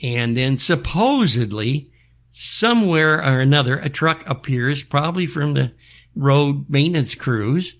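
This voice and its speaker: A man's voice: on the high side, lively intonation, measured pace. An older American man hosting a show, ranting in an exasperated, folksy back-in-my-day manner full of rhetorical questions. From United States. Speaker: show host. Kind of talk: back-in-my-day style rant monologue.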